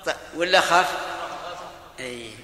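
A man's voice: a little high, slow, sharp tone, roomy sound, in a large hall. A man giving a classroom lesson, questioning students and patiently repeating grammar rules and explanations. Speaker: Islamic teacher.

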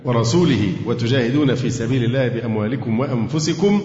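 A man's voice: medium pitch, expressive, mellow. Man with Egyptian accent, Quran teacher, long reverb, roomy hall, muffled lo-fi sound. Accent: Egyptian Arabic. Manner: quizzes students on grammar and reads verses slowly. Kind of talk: classroom tafsir lesson. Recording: echoey hall, dull lo-fi sound.

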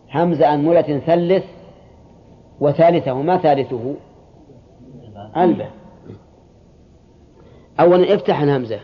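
A man, a religious scholar teaching a class, who explains a text, quizzes his students and slowly repeats word forms, with casual spoken asides. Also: fairly high pitch. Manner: slips into colloquial asides. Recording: dull lo-fi lesson recording.

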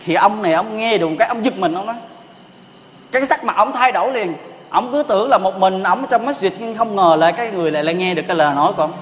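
A preacher with a high-sitting voice talks fast through a storytelling sermon, asking rhetorical questions and repeating pious exclamations. The hall gives his voice a long reverb.

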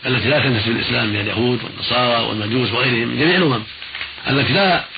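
A man's voice: mid-range voice, very fast, creaky. A man giving religious instruction in formal Arabic as a scholar, didactic and repeating points for emphasis. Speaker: Islamic scholar answering listeners' questions. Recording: noisy, dull old radio recording.

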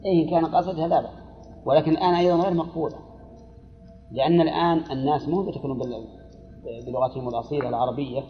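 A man's voice: a little high, faint music behind. Male teacher, reverberant lo-fi hall. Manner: deliberate, repeats phrases slowly, questions students. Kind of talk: classroom grammar lesson. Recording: dull lo-fi recording with long hall reverb and faint noise.

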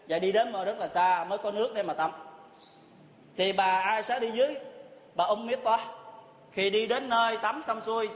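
A man's voice: high-pitched, a bit bright. A man telling a religious story as a sermon, earnestly retelling events and acting out the quoted dialogue. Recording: echoey hall.

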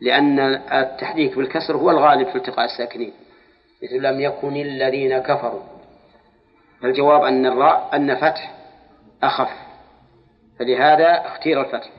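Scholar lecturing in an echoey hall. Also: male voice, medium pitch, fairly even intonation, a little fast, pauses often. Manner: questions students, drawls words for emphasis. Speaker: Islamic scholar teaching Quran exegesis. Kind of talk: classroom lecture on Quranic grammar. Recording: lo-fi lecture hall recording with long reverb.

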